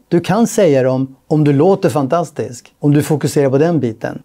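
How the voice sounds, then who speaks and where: A man talking casually as a sales coach, reacting bluntly to a clip. His voice sits a little high but sounds dark and mellow. He often slips into quick mock voices of salespeople and customers.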